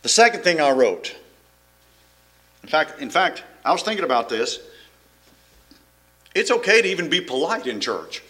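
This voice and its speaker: A man's voice: fairly high pitch, sing-song, moderate pace, pauses often, bright, forceful tone. Preacher guy, middle-aged, rambly folksy sermon, voice swoops up and down a lot. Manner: folksy, rambling with frequent restarts and chuckles. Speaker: pastor.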